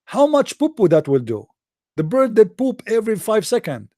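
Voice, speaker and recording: A man's voice: high voice, huge pitch swings, normal speed, dark tone, no room sound. Sarcastic Arabic-accented man, dry close sound. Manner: sarcastic, mocking. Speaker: religious debater. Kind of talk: online debate talk.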